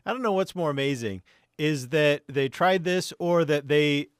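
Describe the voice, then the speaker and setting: A man's voice: a little high, moderate pace, clear, resonant tone, dry recording, studio quality. A man co-hosting a casual comedy talk show, rambling and reading out news posts. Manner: rambling, loses his place, reads out posts. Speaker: podcast co-host.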